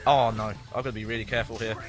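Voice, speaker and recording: A man's voice: on the low side, flat delivery, very fast, music in the background. A man hosting a gaming playthrough, thinking aloud in a rambling, amused, casual way. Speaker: gaming video host.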